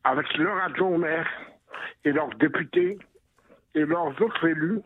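A radio show caller speaks over a thin, phone-like line, his voice pitched a little high and husky. He leaves an earnest voicemail, appealing to officials in a steady, serious way. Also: a little slow, no echo. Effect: phone line message on an answering machine. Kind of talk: voicemail message to a call-in show.

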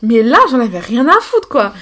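A young woman, a podcast guest, telling her story in a casual, candid, animated way, with slang and frequent laughter. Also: fairly high pitch, normal speed. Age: young adult.

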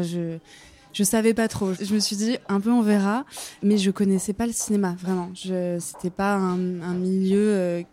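A young woman from France, guest in a conversational interview at a café-restaurant, works as a film script supervisor. Her mid-range voice has a warm tone, and she sounds thoughtful and hesitant, leaning on many fillers.

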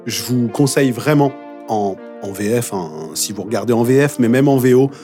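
A man from France, a musical theatre performer and dubbing actor, chatting playfully as a guest in a casual podcast interview, joking and telling stories with expressive energy. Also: mid-range voice, moderate pace, soft background music. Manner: playful, jokey, expressive storyteller.

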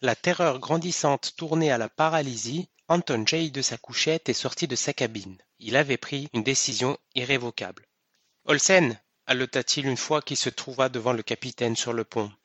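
A man narrating a novel in a measured storytelling manner. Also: mid-range voice, fairly bright tone, dry recording, highs cut off. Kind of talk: audiobook narration.

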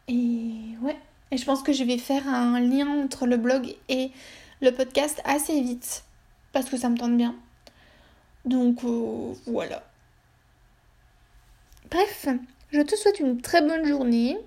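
Hosting a relaxed solo podcast, a woman talks in a high, warm voice. She rambles, hesitates, and fills her speech with fillers and restarts.

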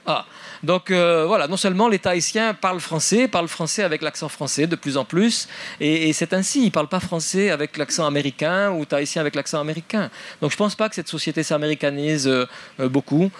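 Man, author at a forum: slightly high voice, halting, self-mocking. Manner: hesitant, many fillers and restarts, wry self-mocking humor. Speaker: author presenting his book at a public forum. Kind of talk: public talk, then answering questions.

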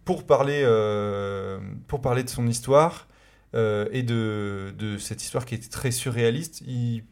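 A man hosting a casual film discussion on the radio, relaxed and hesitant with many fillers. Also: mid-range voice, measured pace, smooth. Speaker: radio show host.

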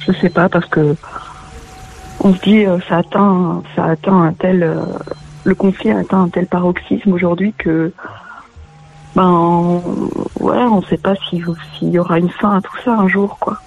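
A woman from France, a guest on a live talk show, speaking haltingly and searching for words, on a dull lo-fi recording with faint music behind. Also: fairly low pitch, steady tone, creaky. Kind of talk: casual live discussion.

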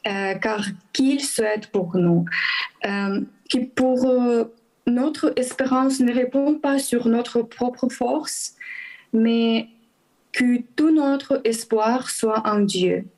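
Halting Ukrainian-accented woman, slow and high. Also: darkish tone, rough recording. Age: 30s. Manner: hesitant, many fillers and restarts. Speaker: church guest speaker. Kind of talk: testimony with prayer requests.

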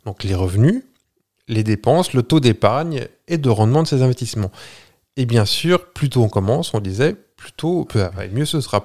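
A man's voice: medium pitch, a little mellow. A man co-hosting a podcast, explaining a topic in a chatty, jokey way with fillers and restarts. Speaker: podcast co-host. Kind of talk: casual chat.

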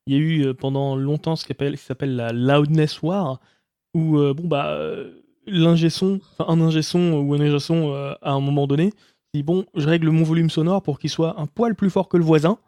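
Male co-host, mellow and dry, patient explainer. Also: on the high side, fairly even intonation, fairly quick, dry recording. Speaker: podcast co-host. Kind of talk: casual explanatory chat.

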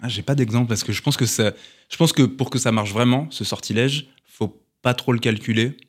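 A man's voice: medium pitch, brisk, slightly rough. A man co-hosting a podcast, rambling through stories and mock-grandiose speeches in casual banter. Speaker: podcast co-host.

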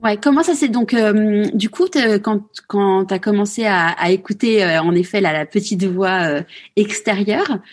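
A woman's voice: medium pitch, moderate pace. A woman hosting a podcast, asking questions in casual chat, hesitating with fillers. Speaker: podcast host.

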